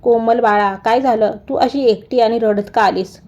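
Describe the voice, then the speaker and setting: A woman's voice: a little high, moderate pace, darkish tone, lightly acted. A woman voicing a caring old farmer father who comforts his daughter, in a dull lo-fi recording. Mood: tender. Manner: soothing, reassuring.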